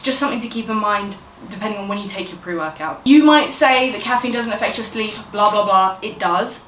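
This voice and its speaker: A woman's voice: mid-range voice, fairly bright tone. A British woman fitness vlogger giving casual advice to camera in an informal, chatty, matter-of-fact way. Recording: roomy, distant mic, faint noise.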